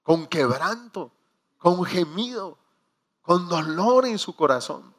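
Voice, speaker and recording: A male preacher delivers a sermon in a somewhat high voice. He tells stories with little acted asides and quoted prayers. He drags out the key phrases for emphasis. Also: lively intonation, takes it slowly, fairly bright tone.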